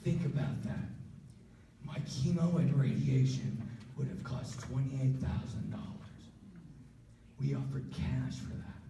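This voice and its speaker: Man, gravelly and very dark voice, earnest emotional town hall speech, heard from a distance in a big echoing hall. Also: mid-range voice, a little hiss or hum. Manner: earnest, emotional, pausing to compose himself. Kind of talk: prepared speech. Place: large public hall. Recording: echoey hall from far off.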